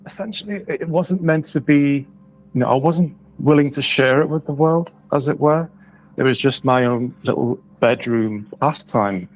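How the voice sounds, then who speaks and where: A man's voice: medium pitch, slight background noise. A British man from the United Kingdom answering interview questions thoughtfully, with many hesitations, over a remote call. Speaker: guest musician. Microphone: remote call audio. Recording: dull lo-fi online call audio.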